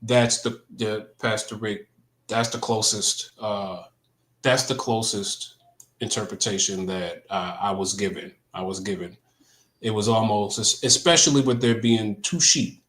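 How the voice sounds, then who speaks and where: Halting low-voiced man in a roomy echo. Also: steady tone, fairly bright tone. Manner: halting, many ums and restarts. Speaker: co-host. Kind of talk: casual faith chat, recounting a dream.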